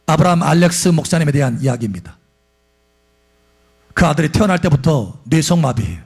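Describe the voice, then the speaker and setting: A male pastor delivers an impassioned sermon in a fairly high, husky voice. His pitch leaps all over the place, soaring when he voices prayers and blessings. The delivery is fervent and dramatic. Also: a little mellow.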